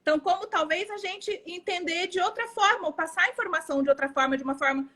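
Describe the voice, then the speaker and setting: Brief: Brazilian woman psychologist, high bright-toned voice, patient explaining manner. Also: quick pace. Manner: explanatory, quotes children in play. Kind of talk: casual educational chat.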